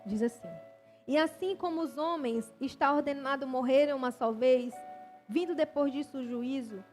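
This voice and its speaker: A woman preacher with a high, bright voice delivers a lively, conversational sermon in a church. Music plays clearly beneath her words. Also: moderate pace.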